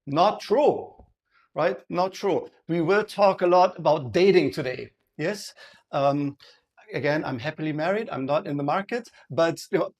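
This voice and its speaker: A man's voice: a little high, darkish tone. A man with a German accent presenting a live sales workshop, often checking in with the audience and restarting his sentences. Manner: engaging, asks the audience frequent questions; halting, many restarts and fillers.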